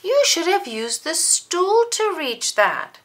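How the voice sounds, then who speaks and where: Woman acting a high, harried, scolding mom. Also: big pitch swings, fairly bright tone, exaggerated voice. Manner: brisk, exasperated.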